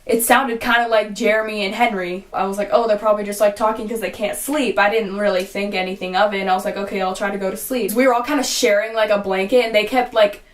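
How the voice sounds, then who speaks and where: A young woman casually telling a storytime vlog, rambling with lots of "like" and swearing, and quoting her own reactions in a hushed voice. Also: mid-range voice, steady tone, fast talker, hardly any pauses. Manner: rambling, heavy use of "like", frequent swearing. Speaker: vlogger.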